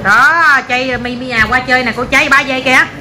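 A young woman with a high voice plays at being sad to tease her child. She mixes mock sulking with playful nagging. The home recording carries clear background noise. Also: moderate pace. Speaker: mother. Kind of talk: casual family vlog. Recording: noisy home video.

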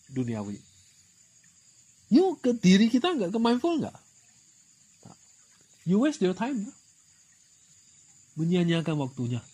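A man giving an animated dharma talk, throwing rhetorical questions at listeners and mixing in English words. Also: fairly high pitch, husky. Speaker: Buddhist dharma teacher.

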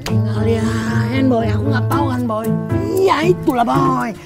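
A man's voice: very high-pitched, a little slow, loud music behind the voice. A man acting in a comedic skit, bantering in brash slang.

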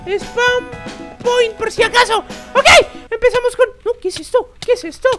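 A squeaky, shrieking baby boy. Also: moderate pace, over music. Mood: excited. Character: excitable baby boy, shrill and dramatic. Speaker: host. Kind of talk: Minecraft role-play commentary.

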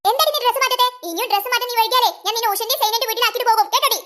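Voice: very high voice, racing, pushed and bright. A performer voicing a bossy, nagging village mother who scolds her daughters in a cartoon. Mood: scolding. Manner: nagging, threatening, fussy Malayalam mother.

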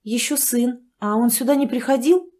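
A woman voicing a worried pregnant young woman who talks softly and anxiously with her family and doctor. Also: a little high, moderate pace, pitched above the performer's own voice, lightly acted. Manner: soft, anxious, then firm.

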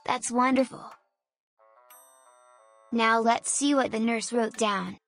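A woman playing a polite, concerned doctor in a scripted bedside role-play, with a measured manner. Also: on the high side, fairly even intonation, gravelly, fairly bright tone, soft background music, full character voice.

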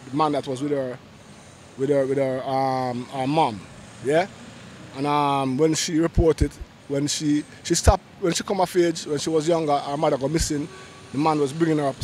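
Fairly high-pitched and a little mellow, a middle-aged man's voice relates a painful story to a street interviewer holding a handheld mic close. Outdoors on a busy city street, with faint traffic behind, he speaks urgently and often starts his phrases over.

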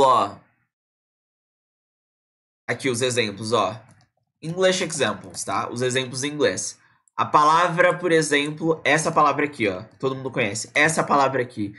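A man from Brazil teaching a live online English lesson, casual and chatty, repeating words slowly to model pronunciation. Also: a little high, bright, forceful tone. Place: indoors at a computer, streaming live.

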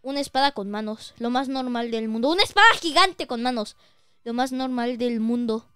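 Excitable woman doing let's-play commentary. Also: fairly high pitch, normal speed, clear, resonant tone, no echo. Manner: excitable, chatty, jokey. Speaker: gaming video host.

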